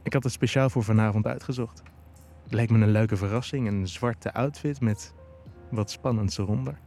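A man's voice: fairly low pitch, normal speed, faint music behind, close to an everyday voice. A man voicing a teasing young woman. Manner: teasing, soft-spoken.

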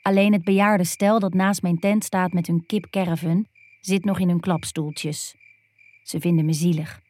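A woman narrating a first-person erotic story in an intimate, hushed and dreamy way. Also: on the low side, steady tone, normal speed.

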